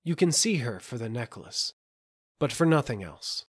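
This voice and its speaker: A man's voice: mid-range voice, very animated, moderate pace, no echo, clean studio sound. A man voicing a steadfast young knight in an audiobook fairy tale, polite but firm.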